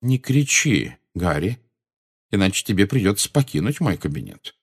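A man voicing a calm, genial old wizard who speaks slowly and with quiet amusement. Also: sits low, heavily acted. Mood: calm amused. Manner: slow, unhurried, gently amused.

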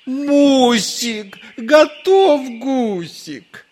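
A man's voice: a little high, expressive, slow, slight background noise, pitched above the performer's own voice. A man voicing a plump, spoiled middle-aged engineer who calls out in a babyish sing-song and grows flustered. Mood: babyish whining.

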